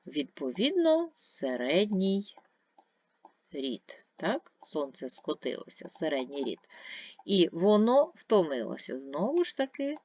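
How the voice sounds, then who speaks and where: A woman's voice: lowish voice, mellow, no echo, muffled recording. A woman teacher giving a video grammar lesson, patiently asking and answering her own questions step by step. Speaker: primary school teacher.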